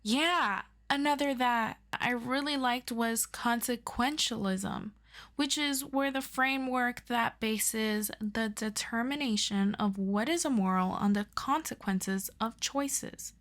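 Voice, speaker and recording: Voicing an eager superhero best friend in an audio roleplay, a woman with a fairly high, slightly bright voice explains things earnestly. Her tutoring of the listener is halting, casual and self-deprecating.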